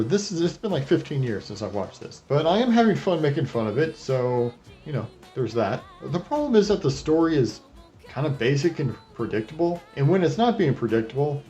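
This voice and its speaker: Slightly high and dark in tone, this man's voice comes through lo-fi as he narrates a casual scripted anime retrospective over clips. As reviewer and host, he delivers it irreverently and sarcastically, sprinkled with profanity.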